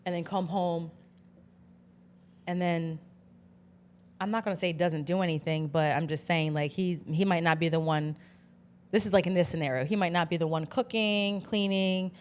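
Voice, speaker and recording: A woman co-hosting a casual podcast, talking playfully in quick bursts. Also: on the low side, steady tone. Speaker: podcast co-host. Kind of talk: casual chat.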